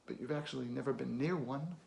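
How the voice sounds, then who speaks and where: Voicing a tired, plain-spoken middle-aged therapist in a film monologue, the actor pauses heavily and bursts into emphasis. The mood is tender and grave, his mid-range voice creaky and a little mellow.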